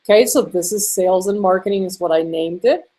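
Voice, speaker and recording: A woman walking through a screen-share marketing tutorial in a chatty way, a little hoarse and clearing her throat now and then. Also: mid-range voice, a little fast, dark tone. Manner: chatty, with fillers and small laughs. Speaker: online marketing instructor.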